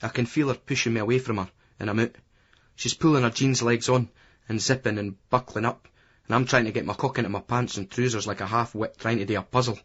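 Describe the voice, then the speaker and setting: A man's voice: medium pitch, fairly even intonation, fast, fairly bright tone, breathy edge. A Scottish man narrating a novel in the first person, in a blunt, crude, conversational way. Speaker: audiobook narrator. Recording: dull lo-fi remastered recording.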